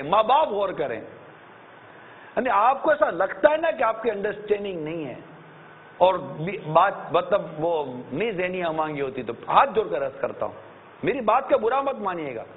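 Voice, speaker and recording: High-voiced preacher, tinny recording. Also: male voice. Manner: animated, acts out shouting parents, earnest pleading. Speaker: religious preacher. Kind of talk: sermon. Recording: tinny narrow-band lecture recording.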